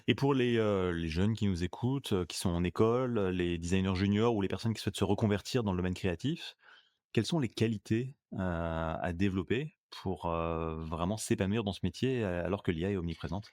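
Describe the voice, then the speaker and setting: Quick-talking male interview host. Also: low voice, a little mellow, no echo, studio quality. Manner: asks questions briskly. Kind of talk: casual interview.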